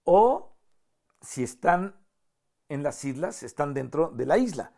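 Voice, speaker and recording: A man's voice: on the high side, big pitch swings, slow pace, creaky, darkish tone. A man with a Mexican Spanish accent preaching a sermon outdoors to a camera, rising emphatically on quoted verses and often repeating his first words. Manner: frequent fillers and repeated starts. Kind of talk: sermon on a psalm. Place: outdoors at dusk with mountains in view. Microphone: facing a camera.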